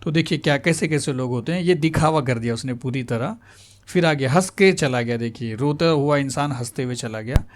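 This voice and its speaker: A man's voice: medium pitch, moderate pace. A man teaching a school literature lesson. He explains each line again in simpler words and mixes in English words.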